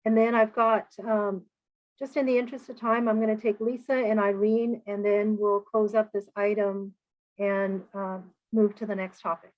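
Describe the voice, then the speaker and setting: A woman moderating a board meeting, speaking in a measured way with frequent pauses, heard through conference call audio. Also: medium pitch, level tone. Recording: dull lo-fi conference call line.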